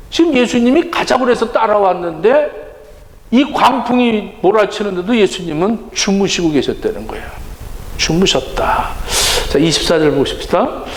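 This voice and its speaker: A man with a very high speaking voice preaches with wide, lively swings in pitch. He speaks straight to his congregation and acts out the voices he quotes. His sermon rings through a roomy hall with a long echo. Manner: addresses the congregation directly. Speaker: pastor. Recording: echoey church hall with long reverb.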